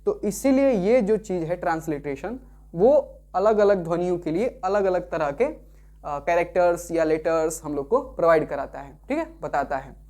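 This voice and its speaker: Speaking at a normal pace in a high voice with a dark tone and lively intonation, a male Sanskrit teacher carefully walks through an online lesson. He repeats every point more than once and often asks, through tag questions, whether the listener is following.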